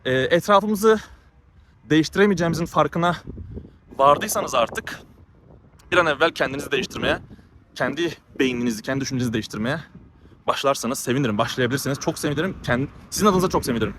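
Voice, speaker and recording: A man's voice: a little high, lively intonation, quick pace, a bit bright. A man vlogging as he walks through a small town, out of breath and talking in a heated, ranting way that often repeats itself. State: out of breath from walking. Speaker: travel vlogger. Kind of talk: walking vlog monologue. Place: outdoors on town streets. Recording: noisy outdoor street recording.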